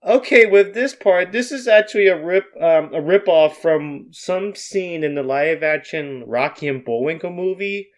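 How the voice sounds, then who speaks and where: A man's voice: fairly high pitch, measured pace, few pauses. Young man roasting his own script. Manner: self-mocking, swears, rambling asides. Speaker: YouTuber.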